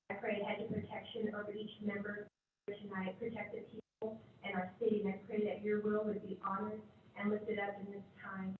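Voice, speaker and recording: A woman's voice: medium pitch, level tone, fairly quick. A woman delivering a formal public prayer as an invocation before a meeting. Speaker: invocation giver. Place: city council chambers. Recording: very echoey, distant, tinny hall audio, faint noise.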